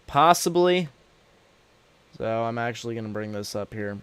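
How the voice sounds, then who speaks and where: A man with a sore throat giving casual, unscripted live weather commentary as a livestream host, halting and informal. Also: mid-range voice, expressive, a bit bright, clear, resonant tone. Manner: informal, halting, addressing viewers as y'all.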